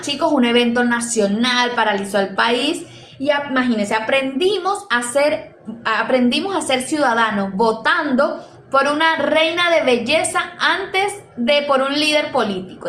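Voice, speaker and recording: A woman's voice: high voice, animated, normal speed, fairly bright tone. A woman with a Venezuelan Caribbean Spanish accent gives an informal lecture as a teacher, conversational and hesitant, often rephrasing and checking in with listeners. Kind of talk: informal lecture, explaining to students. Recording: echoey room with faint background noise.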